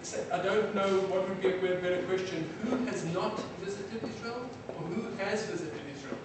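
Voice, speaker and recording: A high-pitched male voice, far from the microphone, belongs to a middle-aged South African defense attaché addressing an audience. The hall is reverberant and carries faint noise. His lecture is halting and full of fillers and restarts.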